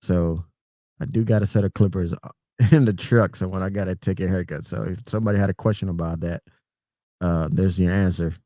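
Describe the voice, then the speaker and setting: In a relaxed, rambling livestream chat, a middle-aged Puerto Rican trucker welcomes viewers by name, chuckling between thoughts. The recording is dry and close, he talks fairly quickly in a low, mellow tone, and at times he moves away from the mic.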